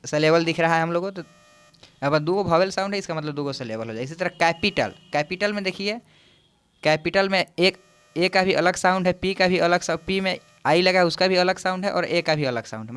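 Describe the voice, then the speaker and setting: Male exam-prep tutor with a smooth, raised voice, who explains step by step. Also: fairly high pitch, fairly bright tone. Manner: explains slowly, counting aloud, mixing English terms into Hindi. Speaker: teacher.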